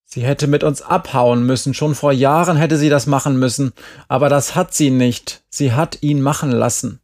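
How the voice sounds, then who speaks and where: A man reading an audiobook and voicing a blunt, bitter teenage girl who talks in a flat, cutting way. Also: medium pitch, normal speed, natural voice.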